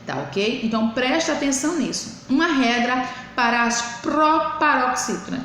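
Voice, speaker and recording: Woman, teacher, slow and clear, slightly high voice, echoey room. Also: animated, fairly bright tone. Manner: slow, drawn-out syllable counting. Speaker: primary school teacher. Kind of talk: recorded remote lesson for children. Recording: echoey room with faint hiss.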